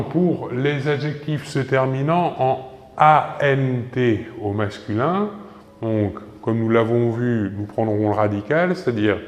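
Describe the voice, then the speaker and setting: A man teaching a French grammar lesson slowly, spelling words out letter by letter and checking in with "ok". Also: medium pitch. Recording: echoey room with long reverb.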